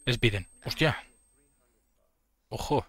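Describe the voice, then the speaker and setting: A man from Spain with a Murcian accent, commenting on a game he is playing, breaking into loud surprised swearing and laughter. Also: medium pitch, slow pace, dry recording. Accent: Murcian Spanish. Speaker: gaming streamer. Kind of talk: gameplay commentary.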